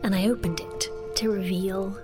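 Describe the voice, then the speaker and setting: This fantasy audio drama features an actress as a young sorceress, proud and sheltered, who narrates and speaks in first person. Her mid-range voice, close to everyday speech, keeps fairly even intonation at normal speed over music, sounding earnest, intimate, and reflective.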